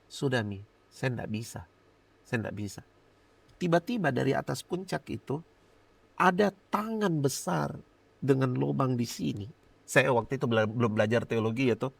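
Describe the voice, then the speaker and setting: A middle-aged male pastor giving a lively personal testimony in a podcast interview, laughing often and acting out his own prayers. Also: medium pitch, vocal fry, dry recording.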